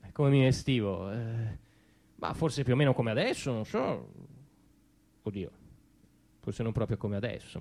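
Playing an evasive, defensive middle-class dad, a male stage actor delivers a comic monologue framed as replies to questions. His voice is on the low side and darkish, with vocal fry. He hesitates, stops and starts, and keeps repeating himself.

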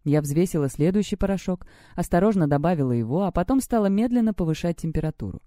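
A woman's voice: on the low side, animated, fast, mellow, no room sound, studio quality. A woman reading an audiobook, narrating a story in the first person. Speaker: audiobook reader. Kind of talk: scripted narration.

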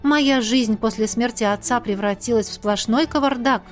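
A woman's voice: a little high, moderate pace, soft background music. A woman narrating a romance fantasy audiobook. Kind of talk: scripted narration.

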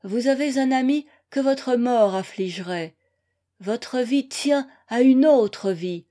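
A woman's voice: a little high, slow, dark tone. A woman reading aloud the farewell letter of a heartbroken, devoted young woman, in a tender, solemn, pleading manner. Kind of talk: audiobook reading.

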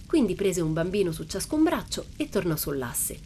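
A woman reading a children's novel aloud in calm, even storytelling narration with an Italian accent. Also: on the low side, normal speed, slight background noise. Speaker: audiobook reader. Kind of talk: scripted narration. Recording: faint music under the voice.

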